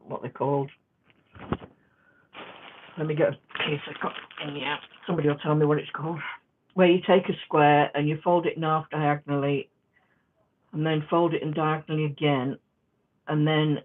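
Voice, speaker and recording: A woman chatting casually in a quilting vlog, rambling and halting with many restarts. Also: sits low. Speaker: quilting vlogger. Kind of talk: casual crafting vlog chat. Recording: tinny phone-like sound.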